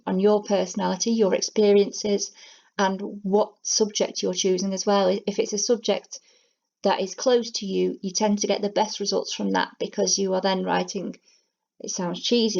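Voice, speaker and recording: A woman's voice: medium pitch, vocal fry, darkish tone. A woman working as a teaching assistant, explaining a lesson in a friendly, chatty way with plenty of fillers. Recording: dull lo-fi home recording.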